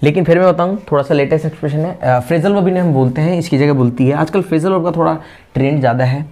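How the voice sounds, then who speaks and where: A man with an Indian accent teaches spoken English, explaining patiently and repeating example phrases slowly. His voice is a little high, with a warm tone.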